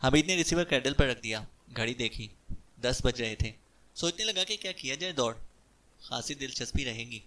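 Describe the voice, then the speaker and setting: A man's voice: mid-range voice, lively intonation, pushed and bright, recorded from a distance. A man narrating an audiobook of a detective novel, giving the characters' lines with light changes of voice.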